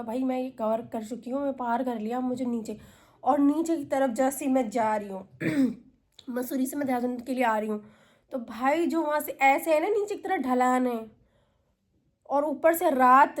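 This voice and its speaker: A woman's voice: high-pitched, a little mellow. A woman, chattily telling a story to camera as a vlogger. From India. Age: 20s. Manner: chatty, retells calls with quoted voices.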